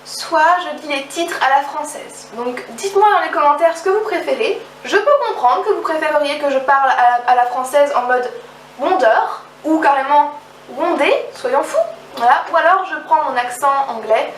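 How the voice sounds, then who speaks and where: A woman's voice: high-pitched, a little fast. A young woman chatting enthusiastically about the books she bought, often trailing off and restarting her sentences. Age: young adult. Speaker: book vlogger. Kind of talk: casual book haul vlog. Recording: roomy, slightly distant mic, faint background noise.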